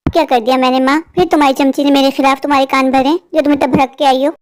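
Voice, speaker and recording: Bratty cartoon sister, woman voicing: vain, mocking, high-pitched. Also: little pitch movement, fast talker, a little hiss or hum, natural voice. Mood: defensive. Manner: taunting, mocking. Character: spoiled vain younger sister, jealous and cruel. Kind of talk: cartoon storytelling.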